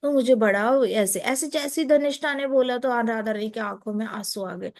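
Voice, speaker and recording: High-voiced woman telling a devotional story. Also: normal speed, darkish tone. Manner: vivid, repetitive, mixes in English words.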